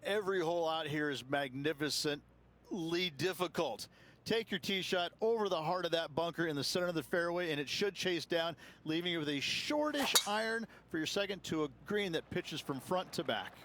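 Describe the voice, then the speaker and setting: Folksy male golf commentator, fairly high-pitched. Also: animated, normal speed, a bit bright. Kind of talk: golf commentary in a video game.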